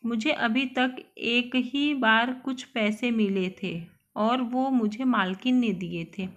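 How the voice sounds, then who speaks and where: A woman's voice: fairly high pitch, takes it slowly. A woman voicing a timid, frightened young servant woman with a trembling voice, in a dull lo-fi recording.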